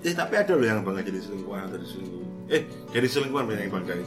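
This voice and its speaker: Fast-talking man hosting a casual chat. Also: lowish voice, big pitch swings. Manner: joking, quick-fire questions. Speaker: podcast host. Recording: music playing behind.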